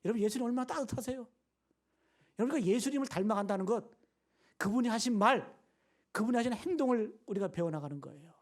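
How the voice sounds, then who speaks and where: A woman pastor preaching a sermon, emphatic and questioning, swinging between a raised voice and hushed whispers. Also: a little high, animated, fast, long pauses. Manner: asks the congregation questions and leads them in reading aloud.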